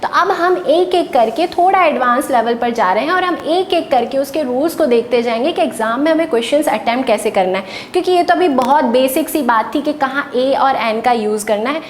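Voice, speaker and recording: A woman's voice: expressive, brisk, few pauses. A woman teacher, giving a patient classroom lecture and answering her own questions. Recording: echoey room with faint rumble.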